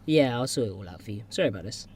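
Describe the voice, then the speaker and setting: A man's voice: lowish voice, lively intonation, rapid-fire, slight background noise. A man co-hosting a music podcast, chatting casually with lots of fillers and restarts. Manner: rambling, filler-heavy, enthusiastic. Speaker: podcast co-host. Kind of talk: casual chat about music videos.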